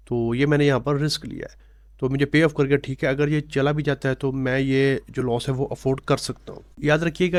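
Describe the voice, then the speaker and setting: A man hosting a casual screen-share explainer, talking steadily and mixing in English tech terms, pausing with "uh" fillers as he goes. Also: mid-range voice, a little mellow, dry recording. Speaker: crypto channel host.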